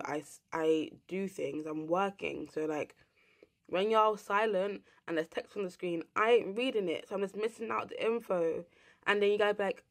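A young woman from England, ranting casually to camera as a vlogger, rambling and swearing bluntly. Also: fairly low pitch.

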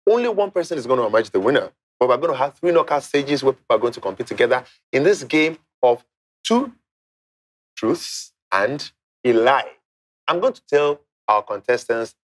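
This middle-aged man hosts a televised quiz from an indoor studio, wearing a lapel mic. His style is theatrical, swinging his pitch and dragging out key words, while music plays faintly in the background.

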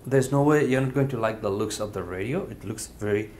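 At a table indoors, a man with a lowish voice gives a casual hands-on product review, speaking a little fast. He's relaxed and filler-heavy, leaning on "you know" and "uh". A little hiss or hum is audible.

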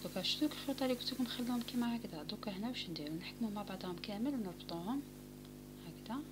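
A woman with an Algerian Arabic accent giving a calm step-by-step crochet tutorial, often dropping to a near whisper. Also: medium pitch, very fast. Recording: home recording with clear background noise.

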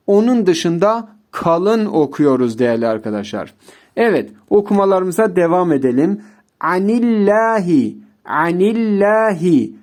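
Male Quran reading teacher, high voice, unhurried, drawn-out recitation, talks to viewers as dear friends. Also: warm tone. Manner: slow, drawn-out recitation of practice words between explanations. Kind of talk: recorded lesson.

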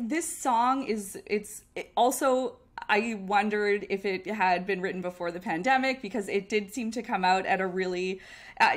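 A woman interviewer with a mid-range voice. She asks her questions in a friendly, halting way, with many pauses and restarts. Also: mid-range voice. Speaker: podcast host.

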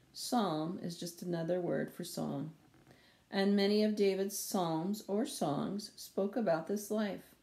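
Slow, gravelly older woman reading scripture. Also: fairly low pitch, mellow. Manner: slow, careful reading with small slips corrected. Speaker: children's Sunday school teacher. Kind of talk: reading a Bible lesson aloud. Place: small room at home, wooden door behind. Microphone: webcam or laptop camera at close range. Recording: echoey room.

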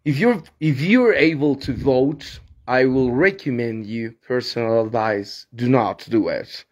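Slow, preachy Peruvian man ranting. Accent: Peruvian Spanish. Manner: dramatic and preachy, swinging between mumbling asides and sudden high outbursts. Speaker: live video streamer. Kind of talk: ranting live monologue. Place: outdoors by a noisy street with passing vendors. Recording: live phone video with loud street noise. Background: loud street noise, horns and passing vendors.

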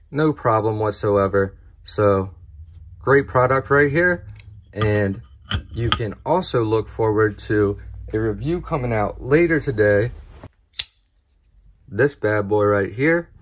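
A man hosting a knife review channel, talking casually and plainly to his viewers as he shows off parts. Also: lowish voice. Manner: relaxed, plain-spoken, addresses viewers as guys.

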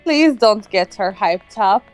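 A woman's voice: mid-range voice, lively intonation, takes it slowly. A woman co-hosting a game stream, making dry, joking remarks in casual chat. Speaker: co-host. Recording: faint game music behind.

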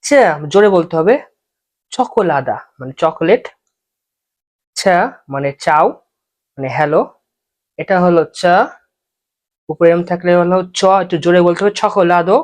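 A patient language teacher leads an alphabet lesson, taking each letter in turn. The example words come slowly and are often said twice, so learners can copy them. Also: mid-range voice.

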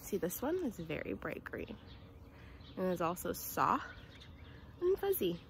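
Out in a residential yard, a twenty-something woman addresses young children in a teacher's nature-walk manner, full of simple sing-song phrases and questions. Her voice sits on the low side with big pitch swings and a measured pace. The handheld phone, held at arm's length, picks up a little hiss or hum.

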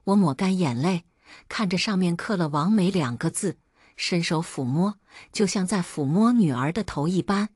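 A woman narrating a first-person family story in a steady, plain storytelling manner. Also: lowish voice, breathy edge, no room sound, clean studio sound.

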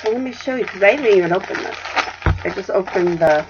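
A woman's voice: medium pitch, expressive, fast talker, dull audio, noisy background. Chatty middle-aged woman on a webcam. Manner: rambling, chatty, many fillers. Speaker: craft vlogger. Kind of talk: casual show-and-tell chat. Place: craft room at home, indoors.

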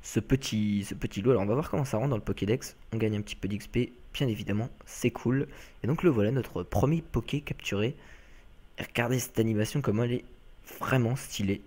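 A man's voice: on the low side, fairly quick, darkish tone. A young man from France giving chatty, casual let's-play commentary, full of fillers and asides to viewers.

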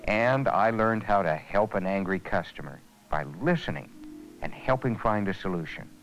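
Earnest man with a lively, expressive voice. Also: lowish voice, normal speed, creaky, soft background music, rough recording. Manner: earnest, reflective, lively intonation. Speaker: lead character in a training film. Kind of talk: 1980s educational film acting.

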